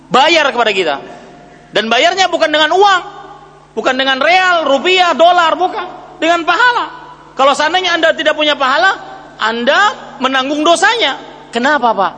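A man in his forties preaching a sermon, emphatic, asking rhetorical questions and swinging between loud and hushed. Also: very high-pitched, long reverb tail. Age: 40s.

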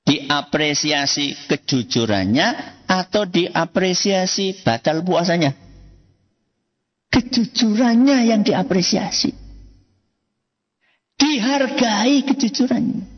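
Animated male preacher. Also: sits high, slow pace, long pauses. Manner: asks questions and answers them himself, animated. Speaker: Islamic preacher. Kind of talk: sermon to a congregation. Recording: echoey hall, dull lo-fi sound.

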